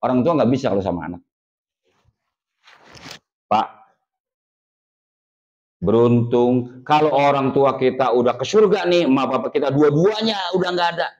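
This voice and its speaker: An ustadz with a Betawi accent preaches to his congregation in a medium-pitched voice, folksy and lively, slowing down to stress his warnings. The recording is dull and lo-fi.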